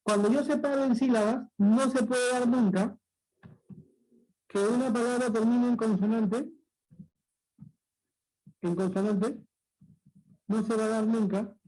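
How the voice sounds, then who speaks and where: Husky high-voiced male teacher. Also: fairly even intonation, unhurried, long pauses, dark tone, poor audio. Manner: patient, repetitive, checks understanding often. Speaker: language teacher. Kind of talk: exam-prep lesson.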